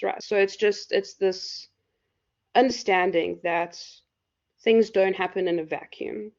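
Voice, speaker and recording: Woman lecturer, croaky and low-pitched, rambling live class talk. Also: a little mellow. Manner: loose, filler-heavy explaining. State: hoarse. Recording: dull lo-fi recording.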